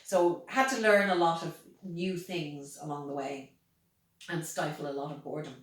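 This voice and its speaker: A woman with an Irish accent giving reflective interview answers in a deliberate, measured, emphatic way. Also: sits low, fairly even intonation. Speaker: interviewee, pagan priestess. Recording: very echoey room, distant mic.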